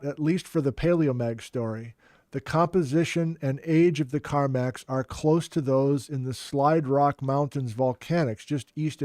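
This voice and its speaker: A man's voice: fairly high pitch, darkish tone, dry recording, studio quality. A male professor reading a text aloud in a class, breaking off now and then with a surprised aside.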